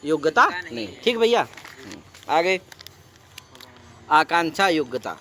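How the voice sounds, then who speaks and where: A Sanskrit teacher with a highish, fairly bright voice gives a classroom lecture, very animated yet slow. He mixes Sanskrit recitation with Hindi explanation and constantly quizzes his students with repeated questions. There's a little hiss or hum in the audio.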